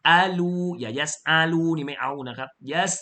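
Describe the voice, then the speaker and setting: A man teaching Quran reading in a lesson, spelling out syllables slowly, correcting pronunciation and chanting the verse in a melodic tone. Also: mid-range voice, sharp tone.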